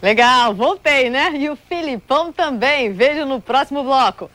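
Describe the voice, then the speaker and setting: A woman from Brazil presenting sports news in a lively, playful way, sometimes drawing words out. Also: sits high, moderate pace, faint music behind.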